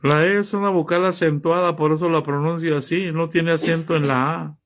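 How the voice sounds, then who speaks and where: A man's voice: on the high side, steady tone, a little fast. A man preaching a sermon, reading scripture aloud and pressing his listeners with rhetorical questions. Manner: reads scripture aloud and comments on it.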